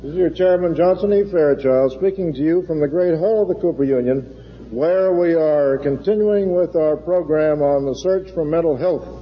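A man's voice: on the high side, normal speed, a little hiss or hum. American chairman, male, in a reverberant hall. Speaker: forum chairman introducing a speaker. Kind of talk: formal public introduction. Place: large lecture hall. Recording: muffled 1960s hall recording, long reverb.

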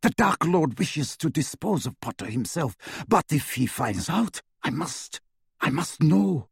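Man voicing a shrill, shrieking mad witch. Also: wildly swooping pitch, unhurried, slightly rough, dry recording, studio quality, full character voice. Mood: intense. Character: shrill unhinged female witch, cruel and fanatical.

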